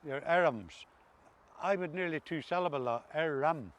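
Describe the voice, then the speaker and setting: A man's voice: a little high, normal speed, dull audio. A man with an Ulster Scots accent from Northern Ireland, chatting casually as a co-host in a droll, folksy way. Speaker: co-host discussing dialect words. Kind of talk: casual humorous chat.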